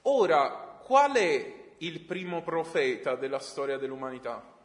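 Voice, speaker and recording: A male teacher giving a classroom lecture, his fairly high voice rising and falling as he puts questions to his students. The room is echoey, with a long reverb trailing behind each phrase. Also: lively intonation, measured pace. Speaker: religion teacher.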